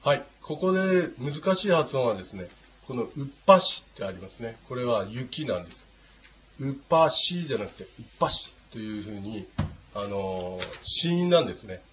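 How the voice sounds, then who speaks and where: A man teaching a language class, patient and unhurried, with many hesitating fillers. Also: medium pitch, sing-song. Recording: dull lo-fi with faint noise.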